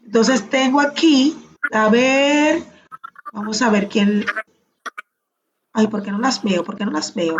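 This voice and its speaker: A woman's voice: a little high, takes it slowly, pauses often, lo-fi sound, noisy background. A woman teaching a class over a video call, patiently asking questions and calling on students by name. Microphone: computer mic on a video call.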